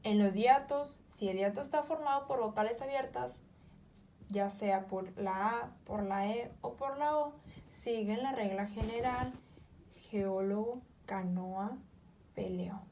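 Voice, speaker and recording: A woman with a fairly high voice reads grammar rules aloud at an unhurried pace. She works through them point by point, pausing on each example word. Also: warm tone, slight background noise. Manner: slow, careful, listing examples word by word. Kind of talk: reading spelling rules aloud.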